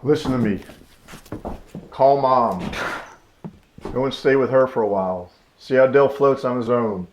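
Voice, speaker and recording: An actor playing a concerned older Southern brother who speaks in an earnest, practical way, in a live staged reading. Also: male voice, mid-range voice, unhurried, pauses often, dull audio, a little hiss or hum, close to an everyday voice.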